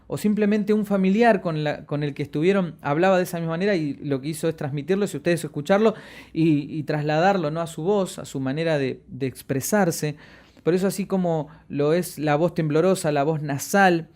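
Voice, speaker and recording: A man giving a voice-training lesson, playing with his pitch and loudness and stretching out key words for emphasis. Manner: expressive, varies pitch and loudness on purpose, drawn-out emphasis. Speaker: voice and media instructor. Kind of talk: lecture on voice projection.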